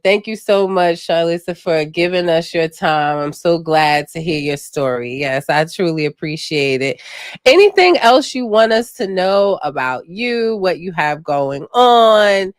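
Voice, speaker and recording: Woman host, chatty and low-voiced. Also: a little slow, clear, resonant tone, no room sound, clean studio sound. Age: 30s. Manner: laughing, animated storytelling. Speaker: podcast host. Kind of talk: casual chat.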